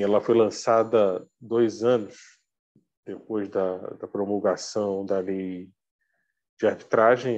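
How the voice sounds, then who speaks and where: A Brazilian man giving an informal talk on a video call, speaking through a face mask, halting as he searches for words. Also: on the low side, dark tone, dull audio. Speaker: guest speaker, arbitrator.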